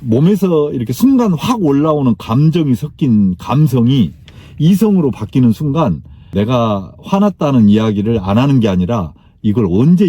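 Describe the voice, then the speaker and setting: Warm husky middle-aged storyteller man. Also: medium pitch, no room sound. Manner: animated, acts out dialogue in his story. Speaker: speaker on workplace life. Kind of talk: anecdotal storytelling talk.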